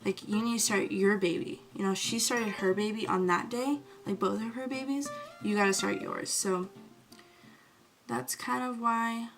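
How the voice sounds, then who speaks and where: A woman vlogging casually about skincare, gushing and excitable, with "like" in almost every phrase. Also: medium pitch, moderate pace, gravelly, soft background music. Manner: gushing, excitable, fills talk with "like". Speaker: beauty vlogger. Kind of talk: casual storytelling to camera.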